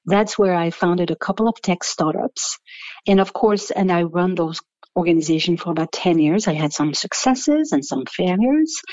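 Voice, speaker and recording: A woman's voice: on the low side, lively intonation, moderate pace, a little mellow, no room sound, dull audio. A middle-aged woman from France with a French accent, answering interview questions in a thoughtful, rambling way with restarts. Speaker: guest, business founder.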